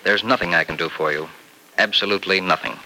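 A man's voice: sits low, fast, sharp tone, a little hiss or hum, low-quality recording. An actor playing a blunt, matter-of-fact older male doctor in a 1940s radio drama.

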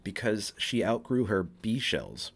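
A man on a podcast in a small shed studio, telling dad jokes in an animated way with chuckles and quick asides. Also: lowish voice, husky. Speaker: podcast guest. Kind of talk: casual joke-swapping chat.

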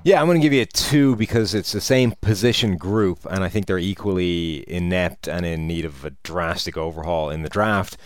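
Low-voiced man giving sports analysis. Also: moderate pace, few pauses, clean tone. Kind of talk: conversational football analysis.

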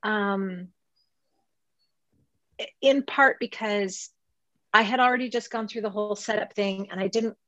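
A woman's voice: mid-range voice, fairly even intonation, a little slow, long pauses, a bit bright, dry recording, muffled recording. A woman in casual conversation, telling a story with animation, laughing mid-sentence and acting out the people in it. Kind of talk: casual chat.

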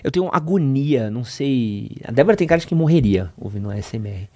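A man hosting a casual podcast, cracking jokes and thinking aloud with quick interjections. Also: mid-range voice, lively intonation, a little mellow, dry recording. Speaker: podcast host. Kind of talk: casual chat.

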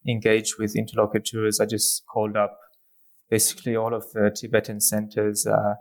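A man's voice: fairly low pitch, completely flat delivery, normal speed. An Australian man in his thirties, a lecturer answering interview questions as a guest, with many ums and uhs.

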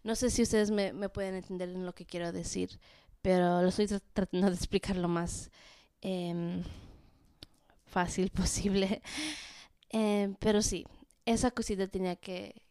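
A woman in her twenties talking about her own life in a casual podcast monologue, pausing often to search for words and slipping in English fillers. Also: medium pitch, little pitch movement, warm tone, clean tone, no echo, clean studio sound. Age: 20s. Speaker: podcast host.

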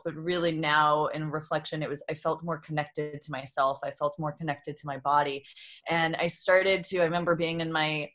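A Boston woman in her thirties, a yoga therapist, tells her story as a podcast guest in casual interview talk, reflective and open and laughing often. Her voice is low-pitched and a bit bright.

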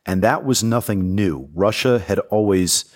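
A very low, deep male voice guides a podcast host through history, explaining things thoughtfully while pausing on fillers and restarting phrases. He comes across as a former soldier now appearing as an informed guest.

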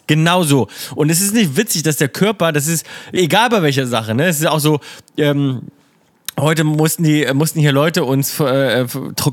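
A man in his thirties chatting on a podcast at a quick clip, his voice somewhat high. He drifts from one topic to the next and teases as he goes. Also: no echo, clean studio sound. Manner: rambling, digressive, teasing. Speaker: podcast co-host. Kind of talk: casual chat.

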